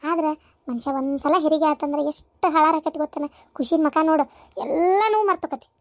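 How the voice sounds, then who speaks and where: A woman voicing a meddling, gossipy older village aunt in a cartoon, with a North Karnataka accent and a shrill, scolding way of talking. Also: a little fast, no echo, lightly acted. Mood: soothing. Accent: North Karnataka Kannada. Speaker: aunt at a childbirth. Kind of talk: cartoon voice acting.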